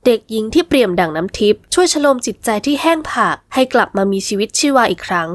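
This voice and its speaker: A woman narrating a romance novel in smooth, scripted storytelling. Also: medium pitch, very animated, quick pace, dry recording. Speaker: audiobook narrator.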